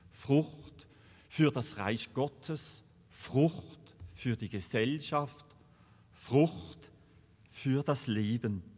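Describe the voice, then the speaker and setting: A man preaching a sermon in a slow, deliberate way, repeating key words for emphasis. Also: a little high, darkish tone. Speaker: pastor. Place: church. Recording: long reverb of a church hall.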